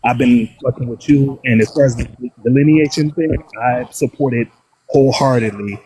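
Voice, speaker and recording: A man's voice: medium pitch, normal speed, dark tone. A male caller of Haitian origin talking as an eager, slangy fan on a bad connection. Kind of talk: casual call-in. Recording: noisy bad phone reception.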